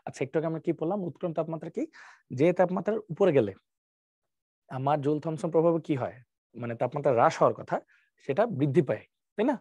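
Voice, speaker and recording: A man's voice: fairly high pitch, quick pace, long pauses, dark tone, slightly rough, dry recording, highs cut off. A male chemistry teacher, giving an exam-prep lecture and explaining step by step by asking and answering his own questions, with English terms mixed in. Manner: mixes English terms into colloquial Bengali.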